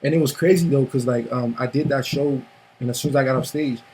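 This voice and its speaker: A man's voice: mid-range voice, fast talker, darkish tone, breathy edge, low-quality recording. A young man from Haiti, raised in Miami, chatting easily as a guest musician and agreeing with "for sure" and "yeah". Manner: laid-back, agreeable, repeats "for sure". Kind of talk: casual interview chat.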